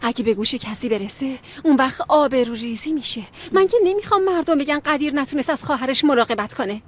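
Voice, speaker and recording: A resigned young wife in a dubbed TV drama. Her high voice is husky and weary. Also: lively intonation. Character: young married woman, resigned and tired.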